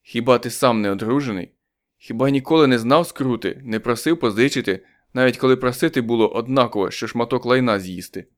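A man's voice: mid-range voice, brisk, lightly acted. A man reading an audiobook, voicing a desperate poor husband, tense and pleading.

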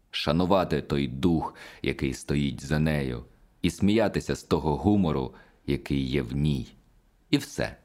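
A sardonic spirit of a composer lectures and mocks, dry and cutting in his irony, as a male audiobook reader puts him on. The voice sits extremely low. It is a storybook telling in scolding, lecturing tones. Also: darkish tone. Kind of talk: audiobook dialogue reading.

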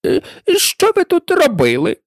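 A woman voicing a furious, tyrannical female queen with a piercing, shrill voice, barking orders in an audiobook. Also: wildly swooping pitch, measured pace, no room sound, studio quality, heavily acted. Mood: commanding. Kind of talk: audiobook character voice.

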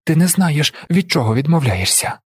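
A man's voice: a little high, very animated, moderate pace, husky, dry recording, clean studio sound, voice pushed up. A man voicing an anxious young woman who speaks urgently and with distress. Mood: urgent pleading.

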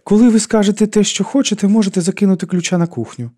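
A man reading an audiobook and voicing a distraught woman with a thin, strained, hoarse voice and a sharp, bitter manner. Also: sits high, fairly even intonation, fast, voice pushed up. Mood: curt, bitter. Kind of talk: audiobook character voice.

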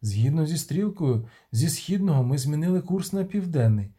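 A man voicing a steady male helmsman who speaks in a low, measured, confiding way, in an audiobook reading. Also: slightly rough. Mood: wary. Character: steady older male helmsman, calm and wary.

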